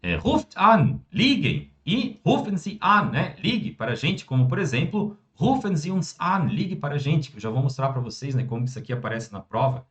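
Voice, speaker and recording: Man teaching German, lively and chatty. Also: a little high. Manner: lively, repeats "né" and "tá", slows down for German examples. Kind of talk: online language lesson.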